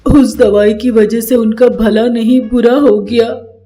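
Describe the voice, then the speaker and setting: A woman's voice: on the low side, measured pace, background noise, close to an everyday voice. A woman voicing a worried adult son who pleads with his mother in a cartoon story. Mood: tearful. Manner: pleading, choked up.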